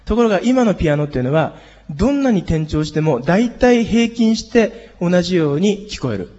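A hoarse man teaching a group singing lesson, explaining harmony and leading the class in exercises. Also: high voice, sing-song, normal speed, mellow, in a large hall, muffled recording. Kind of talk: music lesson.

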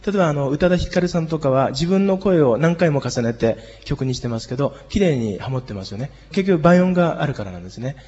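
A hoarse man teaching a group singing lesson, explaining harmony and leading the class in exercises. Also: on the high side, animated, quick pace, hardly any pauses, darkish tone, long reverb tail, lo-fi sound. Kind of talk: music lesson.

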